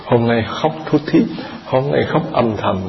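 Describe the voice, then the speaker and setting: A man's voice: medium pitch, measured pace, vocal fry, crowd noise. A man, a Buddhist monk giving a chatty dharma talk and quizzing his live audience. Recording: echoey hall, dull lo-fi sound.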